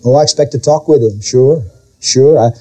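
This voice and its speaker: A man's voice: normal speed, dark tone. A middle-aged male pastor preaching a sermon, swinging his voice up and down and drawing out key words. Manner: preaching with sudden pitch swings and quoted voices.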